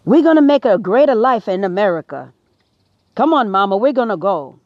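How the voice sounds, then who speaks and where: A woman doing a hopeful Italian immigrant man in a mock Italian accent, cheerful and a little louder than her own talk. Her voice stays near its usual pitch. The sound is dull and lo-fi. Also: animated, moderate pace, no echo, close to an everyday voice. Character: hopeful male Italian immigrant, early 1900s.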